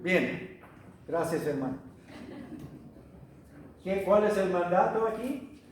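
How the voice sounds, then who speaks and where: Male missionary preacher, high voice, slow teacherly delivery, distant echoey hall recording. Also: lively intonation. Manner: teacherly, asks the audience questions, many hesitations. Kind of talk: church Bible teaching. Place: church hall.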